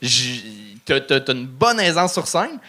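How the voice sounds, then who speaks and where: A man's voice: mid-range voice, big pitch swings, takes it slowly, sharp tone. A man, judging a comedy set, giving hesitant feedback full of fillers. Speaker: comedy show judge. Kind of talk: giving critique.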